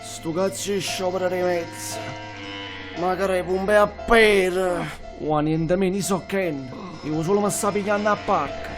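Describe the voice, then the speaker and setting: A man's voice: sits high, steady tone, unhurried, over music. A man with a Neapolitan accent voicing an exasperated, complaining henchman in a comic amateur cartoon dub. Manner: complaining, exclamatory.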